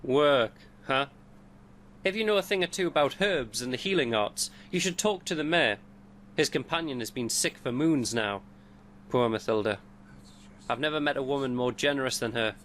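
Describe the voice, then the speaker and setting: A man's voice: mid-range voice, lively intonation, normal speed, a bit bright, lightly acted. An actor playing a troubled male town guard in a fantasy video game, grave and lamenting in his delivery. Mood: sympathetic, sorrowful. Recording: faint background ambience noise.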